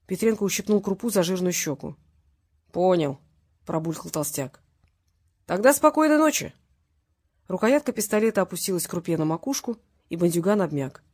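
A woman narrating an audiobook in an expressive reading style. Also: lowish voice, fast talker, husky, no room sound. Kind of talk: scripted narration.

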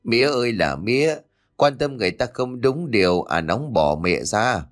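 A man's voice: medium pitch, big pitch swings, normal speed, soft background music, lightly acted. A man voicing a young male exorcist who is grumpy but kind, speaking bluntly. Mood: grumbling. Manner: grumbling, blunt.

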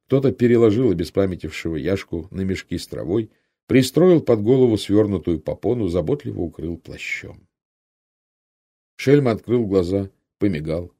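Man, audiobook narration, gravelly, dark husky voice, dry close sound. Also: sits low. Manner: steady measured storytelling. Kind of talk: scripted narration.

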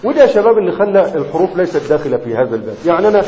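A man's voice: on the high side, sing-song, dark tone, a little hiss or hum. A man with an Egyptian Arabic accent teaching a classroom lesson on Arabic morphology, often stopping to ask his students if they follow. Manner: keeps checking students' understanding with quick questions. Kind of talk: classroom lecture. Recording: reverberant hall, dull lo-fi sound.

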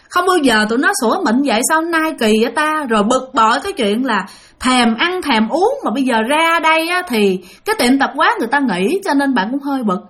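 A woman's voice: on the high side, fairly bright tone. A woman telling a ghost story, speaking dramatically and addressing listeners directly. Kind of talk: spoken ghost story narration.

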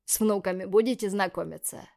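A woman's voice: mid-range voice, a little fast, gravelly, dark tone, lightly acted. A woman reading a caring young father. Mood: firm.

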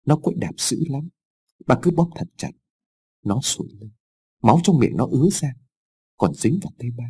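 A man's voice: medium pitch, lively intonation, normal speed, warm tone, breathy edge. A man voicing a guilt-crazed old village father who stammers through a half-mad confession in an audiobook story.

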